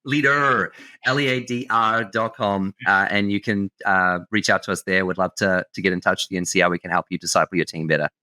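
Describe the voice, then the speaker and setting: A man with an Australian or New Zealand accent speaks as a podcast guest, his voice pitched a little low yet bright and forward. He gives practical, earnest advice in a casual, conversational way, often restarting sentences mid-thought. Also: steady tone, fast, few pauses. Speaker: guest, company CEO. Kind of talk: casual interview chat.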